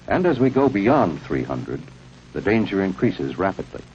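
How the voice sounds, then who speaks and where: An American man narrating a scripted 1950s civil defense film in a measured, authoritative, instructional manner. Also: deep voice, sing-song, darkish tone. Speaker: documentary narrator. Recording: muffled, noisy vintage film soundtrack.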